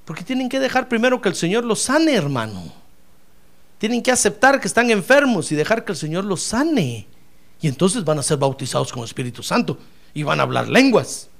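A man preaching a sermon as pastor, animated and acting out the voices of his congregants. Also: high voice, fairly quick, creaky.

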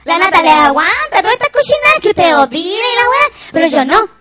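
A woman's voice: sing-song, brisk, exaggerated voice. A woman voicing a brash, unfiltered young female cousin who works in retail, with a Chilean accent and crude slang, hosting a comedy stream. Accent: Chilean Spanish. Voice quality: shrill, loud, laughing, crude slang. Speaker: comedy stream host reading chat. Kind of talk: improvised comedy character.

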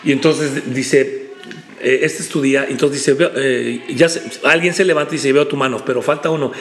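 A man, a preacher guest on a podcast, telling a personal story in an animated way, often repeating words and acting out quotes. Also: medium pitch, normal speed, faint music behind. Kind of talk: casual storytelling chat. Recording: echoey room with faint background noise.

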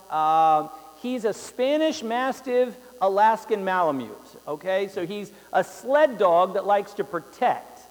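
A young male pastor preaching a sermon, telling rambling stories with lots of fillers and repeated words. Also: high-pitched. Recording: long hall reverb.

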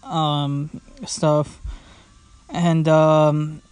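This young man's casual home podcast, recorded sitting indoors, wanders along with many fillers, restarts and "blah, blah, blah." His slightly high voice is flat, very slow and darkish yet clean in tone, with no room sound.

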